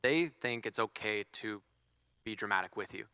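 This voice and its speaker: Male guest, bright and smooth voice, measured and thoughtful. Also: fairly low pitch, dry recording, studio quality. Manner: thoughtful, halting. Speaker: panel guest. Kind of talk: casual panel chat.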